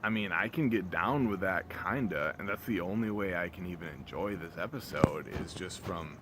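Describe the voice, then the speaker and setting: Low-voiced man on a rambling rant. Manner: rambling, repetitive, halting, often trailing off mid-phrase; blunt, profane, exasperated. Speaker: vlogger reviewing a TV episode. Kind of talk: casual off-the-cuff rant. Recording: clear background ambient noise.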